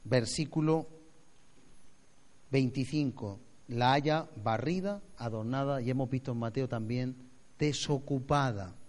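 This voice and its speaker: Male pastor, mid-pitched, dramatic sermon delivery with loud and soft swings. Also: measured pace. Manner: expressive, acts out voices, swings loud to soft.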